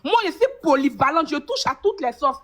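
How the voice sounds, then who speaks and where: High-voiced woman hurling taunts. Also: lively intonation, brisk, a bit bright. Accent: Ivorian French. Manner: taunting, rhythmic, repetitive insults. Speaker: live panel participant. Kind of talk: insult battle on a live stream.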